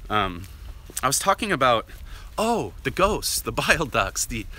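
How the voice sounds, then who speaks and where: Strolling along a residential street, this loud, chatty vlogger keeps asking "right?" in a medium-pitched voice that swings widely in pitch at an unhurried pace. It's a casual walk-and-talk monologue with no worn microphone, just a handheld camera or phone.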